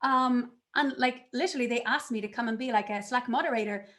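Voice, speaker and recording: Animated woman telling her career story. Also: a little high, fairly quick. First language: not English. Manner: animated storytelling, acts out her own past reactions. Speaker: conference speaker. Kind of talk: conference talk.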